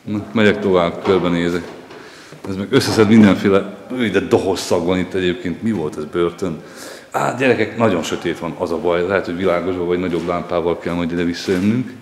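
A middle-aged man with a low voice talks his way through an abandoned building, curious and chatty, exclaiming at what he finds. A faint hiss of background noise sits under the recording. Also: fairly even intonation. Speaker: father exploring with his kids. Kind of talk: casual exploring vlog.

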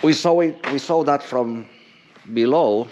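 A man with a mid-range, slightly mellow voice gives casual running commentary while climbing around an abandoned, unfinished concrete building outdoors. He is unhurried and plainly describes what he sees, filming on an action camera that is held or worn. There is slight background noise.

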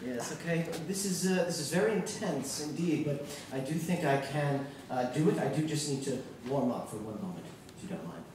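A man's voice: fairly high pitch, animated, a little fast, a crowd in the background. A man in a live comedy sketch playing a fussy voiceover actor with pompous, careful diction. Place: theater stage. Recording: echoey room from far off with audience.

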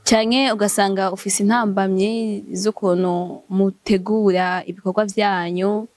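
A young woman from Burundi hosting a casual music interview, playful and quick to laugh. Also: medium pitch, no echo. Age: young adult. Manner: lively, laughs often, playful asides. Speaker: interviewer, show host.

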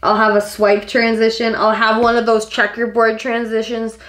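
A giggly, drunk woman in her twenties chats to camera as a makeup vlogger. Her voice sits fairly high and she rambles loosely with plenty of swearing. The room is noticeably echoey, with the camera a step or two away. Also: completely flat delivery, normal speed, a bit bright. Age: 20s. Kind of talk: casual chat to camera while doing makeup. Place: small home kitchen, indoors.

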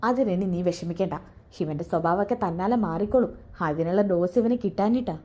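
A woman's voice: fairly low pitch, fairly quick, mellow, lightly acted. A woman voicing an authoritative older brother who gives firm, matter-of-fact orders. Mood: reassuring. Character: authoritative older brother, calm head of house.

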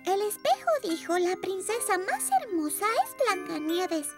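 Very high girlish cartoon princess beaver. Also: sing-song, measured pace, heavily acted. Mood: dreamy, proud. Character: cute little girl beaver playing storybook princess, easily miffed. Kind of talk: children's cartoon dub acting. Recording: loud children's background music.

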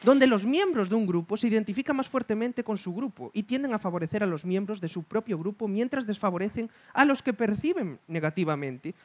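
Man, conference speaker, high voice, very animated, keeps tossing "mm?" at the room. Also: brisk, few pauses. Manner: keeps checking in with listeners with a questioning hum. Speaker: speaker at a talk. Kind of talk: reflective conference talk.

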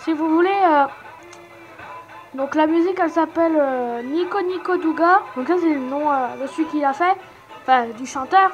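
A high-pitched young woman chatting through her game, laughing often and teasing herself. She talks loosely and casually, with soft game music playing behind her voice. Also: normal speed, muffled recording. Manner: giggly, self-mocking, chatty. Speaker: gaming channel host. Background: faint game music.

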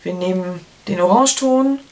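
A woman's voice: on the low side, normal speed. A woman in her thirties chatting casually to camera in a product review, with playful colloquial asides. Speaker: beauty vlogger. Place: small room at home, indoors. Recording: clear background noise, clicks.

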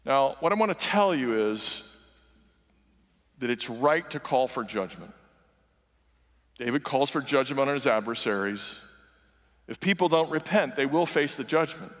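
In his sixties, this guest preacher gives a conversational, earnest sermon in a large church sanctuary, roaming the stage. His mid-range, fairly bright voice has lively intonation and a measured pace with frequent pauses, all carried on the hall's long reverb.

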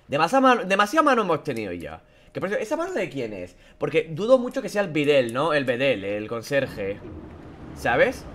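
Jumpy young Spanish gamer with lively pitch. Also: male voice. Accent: Spain Spanish. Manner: jumpy, swearing, yelps and shouts at scares, mutters to himself. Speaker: gaming YouTuber. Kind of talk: horror game commentary.

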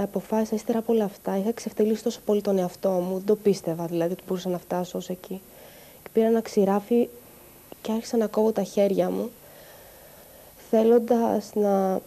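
A woman giving a halting, distressed personal testimony about harassment. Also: mid-range voice, warm tone. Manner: halting, distressed, with pauses and restarts. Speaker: interviewee recounting harassment.

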